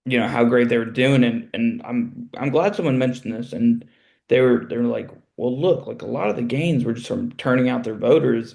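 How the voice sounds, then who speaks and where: A man's voice: medium pitch, creaky, darkish tone. A young man hosting a casual political podcast, thinking aloud and putting questions to his co-hosts. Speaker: podcast host.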